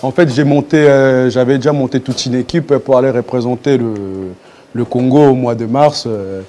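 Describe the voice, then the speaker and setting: A man's voice: medium pitch, fairly even intonation, moderate pace, mellow, a little hiss or hum. A man speaking as a guest and project coordinator on a live TV show, answering briefly and informally.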